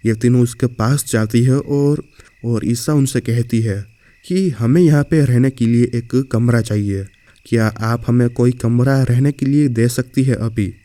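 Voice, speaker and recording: A man's voice: mid-range voice, unhurried, mellow, no echo. A man narrating a horror story in a casual way, speaking directly to the listener.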